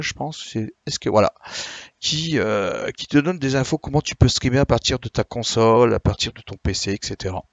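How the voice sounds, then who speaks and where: Tired streamer, dry close voice. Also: male voice, medium pitch, gravelly, no room sound. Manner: hesitant, many "euh" and restarts, friendly explaining. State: a bit tired. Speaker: Twitch streamer. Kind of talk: casual live-stream chat with viewers.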